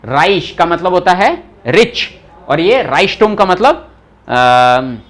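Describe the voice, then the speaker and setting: A man's voice: high-pitched, very animated, slow pace, fairly bright tone. A young man teaching a German class in casual Hindi mixed with English, explaining word meanings, quizzing students by name and teasing them when they forget. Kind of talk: live online class teaching.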